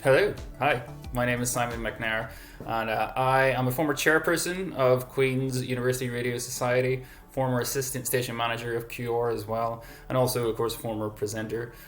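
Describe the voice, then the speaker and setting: A man's voice: mid-range voice, steady tone, brisk, faint music behind. A man in his thirties speaking conversationally in a recorded introduction. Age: 30s. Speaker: former student radio presenter.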